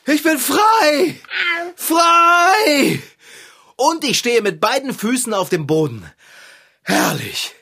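A man playing a fussy, soft-hearted bicycle tinkerer with a bright, husky voice in a children's audio drama. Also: high voice, wildly swooping pitch, a little slow, exaggerated voice. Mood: elated.

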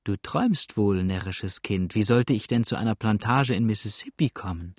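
Man doing a frail young woman, soft, dreamy, puzzled, storybook voice. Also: lowish voice, normal speed, no echo, clean studio sound.

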